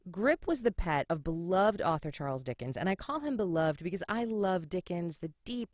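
A woman's voice: on the low side, no echo, studio quality. Irreverent, foul-mouthed woman podcast host. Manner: irreverent, sarcastic, swears casually. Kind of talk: scripted history podcast narration.

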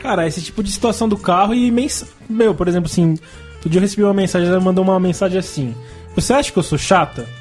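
A Brazilian man with a high voice talks at a very fast clip, asking incredulous questions in casual podcast banter. Faint music plays behind him. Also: darkish tone.

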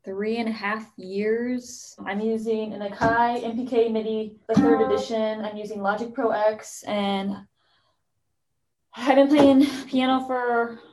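A woman's voice: on the high side, fairly even intonation, a little slow, a little mellow, poor audio. A woman from St. Louis introducing herself as a music producer, a little hesitant. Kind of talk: recorded self-introduction.

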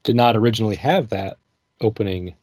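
Low-voiced man in casual podcast chat. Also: fairly quick, dry recording. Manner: relaxed, thinking aloud with fillers and laughs. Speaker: podcast co-host.

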